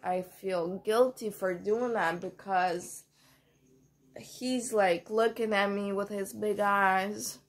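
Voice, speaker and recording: A young woman vlogging about motherhood in a casual, candid way, with many fillers and pauses. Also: mid-range voice, fairly even intonation. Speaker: mom vlogger. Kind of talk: casual vlog talk.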